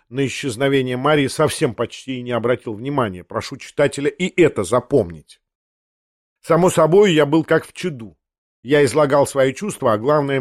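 A man reading a literary audiobook in measured, expressive storytelling. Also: medium pitch, dry recording, clean studio sound. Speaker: audiobook narrator.

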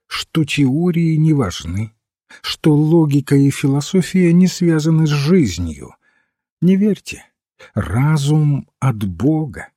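A man voicing a mild, thoughtful old priest-detective who calmly reasons a case through, in a storybook reading. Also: on the high side, slightly rough, no room sound, studio quality, heavily acted. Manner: calm, reasoning, gently explaining. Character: mild, thoughtful elderly male priest-sleuth.

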